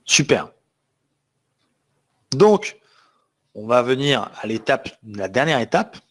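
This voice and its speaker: A man teaches a live online trading session slowly in a sing-song, mid-range voice. The trainer is emphatic and often asks the audience questions to confirm they understand.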